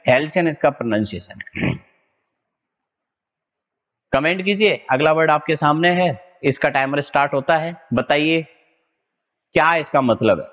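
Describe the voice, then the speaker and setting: A man's voice: fairly high pitch, expressive, unhurried, pauses often. A man from India teaching English vocabulary for exam prep in a live online lesson, drilling words and checking that students follow. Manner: drills words, keeps asking "is that clear?". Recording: lo-fi with long room reverb.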